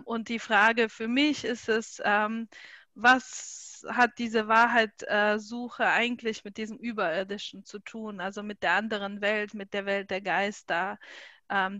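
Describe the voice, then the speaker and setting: A woman's voice: mid-range voice, bright, forceful tone, no room sound. A woman moderating a book presentation, speaking hesitantly with many fillers and restarts. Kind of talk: conversational book talk.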